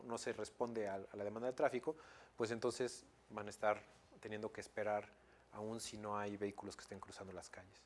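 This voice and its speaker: A man in his thirties with a Mexican accent giving an academic lecture, hesitant, with many fillers, restarts and tag questions. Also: lowish voice. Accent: Mexican Spanish.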